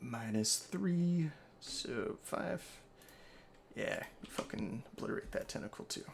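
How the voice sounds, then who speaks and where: Gravelly game master man. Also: mid-range voice, unhurried, a little hiss or hum. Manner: relaxed, explains rules with many ums. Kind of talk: running a tabletop game over voice chat.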